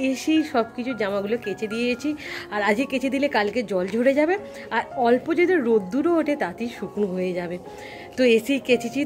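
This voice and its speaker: A chatty woman with a Bengali accent talks casually to her viewers in a daily vlog. Her voice sits a little high. It is recorded outdoors on a phone with faint music underneath. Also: a little mellow. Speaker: vlogger. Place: outdoors by fields, then at home.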